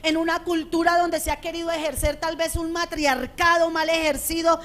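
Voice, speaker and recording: A middle-aged woman pastor preaching a sermon in a conversational way, often checking in with her listeners, with a strong, loud voice. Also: very high-pitched, little pitch movement, moderate pace. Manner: conversational preaching, frequent rhetorical checks with the congregation. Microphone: radio studio microphone.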